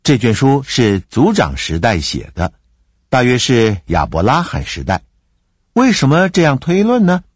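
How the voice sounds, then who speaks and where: A man's voice: medium pitch, wildly swooping pitch, a little slow, slightly rough, dry recording, clean studio sound. A man teaching from the Bible, explaining in an emphatic way with occasional fillers.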